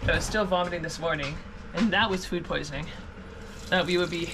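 A woman's voice: on the low side, brisk, background noise. Chatty, shaky woman vlogging aboard a boat. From Canada. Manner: chatty, upbeat despite being weak. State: weak and shaky after illness. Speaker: sailing vlogger. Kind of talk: casual vlog talk. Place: boat wheelhouse and deck, outdoors on water. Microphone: action camera at arm's length.

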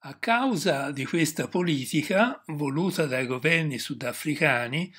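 A man from Italy reading a scripted travel narration in a measured, informative way. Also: on the high side, breathy edge.

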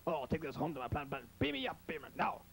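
A man's voice: fairly high pitch, expressive, very fast, fairly bright tone. A man playing a vengeful, bumbling alien in an amateur sci-fi B-movie spoof, with clumsy, offhand threats. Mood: bumbling, triumphant. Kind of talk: amateur 1950s sci-fi parody acting. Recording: noisy amateur videotape with hum.

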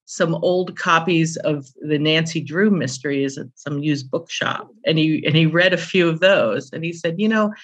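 A middle-aged or older woman, an author and publisher, appears as an interview guest and reminisces through conversational anecdotes. Her voice is deep with a fairly bright tone and a breathy edge, and the recording sounds muffled.

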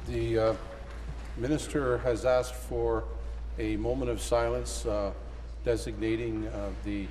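A man presiding over a legislature, announcing procedure in a halting way with many fillers. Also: on the low side, noisy background. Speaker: parliamentary speaker presiding. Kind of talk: procedural chairing. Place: large legislative chamber. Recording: distant and reverberant in a hall.

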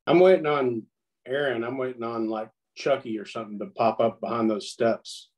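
A man's voice: mid-range voice, moderate pace, darkish tone, low-quality recording. A middle-aged man with a mid-range voice, speaking bluntly with a wry edge. He chats casually as a panelist over a video call.

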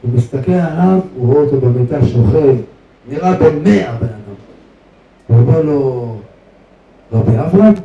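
A man's voice: medium pitch, expressive. A man who is a rabbi tells a story in a sermon, speaking straight to his audience and building suspense. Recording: echoey, distant, dull lo-fi hall recording.

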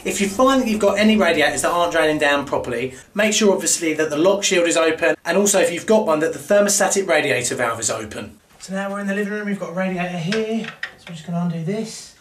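A man's voice: high-pitched, lively intonation, quick pace, a bit bright, a little hiss or hum. A man in his thirties with a British accent, a plumber walking through a repair job at home in a chatty, jokey way. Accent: British English. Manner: chatty and jokey, cheeky asides. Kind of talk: hands-on plumbing tutorial. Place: inside a house, airing cupboard and rooms. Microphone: wide-angle camera held close or set on floor.

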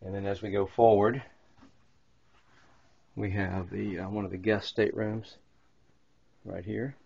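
As he films a boat tour, a guide casually walks through the small wood-paneled cabins aboard a yacht, rambling and restarting with fillers. His lowish, gravelly voice has a breathy edge, a level tone and an unhurried pace, with no room sound. A handheld camera microphone records it as dull lo-fi camcorder audio.

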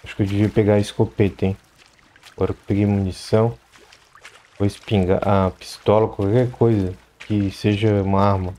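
A man chatting to himself while playing a game, shouting in the fights. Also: lowish voice, little pitch movement, moderate pace, slight background noise. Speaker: gameplay commentator. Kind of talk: let's play commentary.

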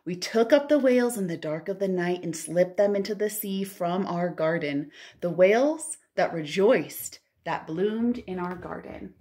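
A woman with a lowish voice reads a picture book to young children indoors in a home living room, acting as a storytime librarian and adding little asides. She sounds expressive and full of wonder, stretching out words for emphasis.

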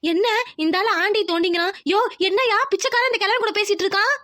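A woman's voice: very high voice, quick pace, sharp tone. A woman voicing a brash, scheming woman in a cartoon who bosses others around to get an inheritance. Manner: brash, bossy. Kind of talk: cartoon voice acting.

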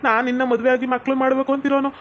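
A woman's voice: high voice, level tone, very fast, highs cut off, a little hiss or hum, close to an everyday voice. A woman voicing a cowardly young village man, whining and begging. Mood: fretful. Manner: whiny, begging.

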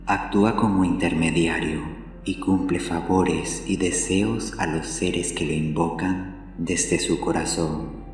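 A man narrating a guided meditation in a measured, soothing way. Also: low voice, a little mellow. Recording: heavy echo with long reverb. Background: music.

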